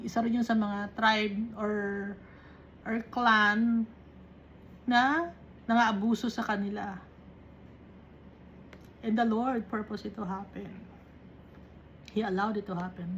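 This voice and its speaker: A woman teaching a Bible study, reading verses slowly and then explaining them, often checking in with little tag questions. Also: medium pitch, lo-fi sound, slight background noise.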